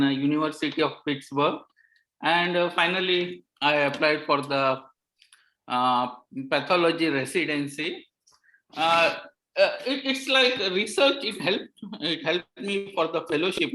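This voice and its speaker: A man who is a pathology resident gives earnest, halting advice on an online panel, with many restarts. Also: a little high, fairly bright tone. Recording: roomy echoey audio.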